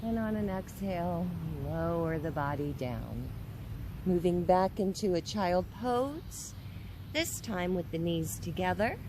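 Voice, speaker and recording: A woman giving guided yoga instruction in a careful, unhurried way. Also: fairly low pitch, animated, background noise.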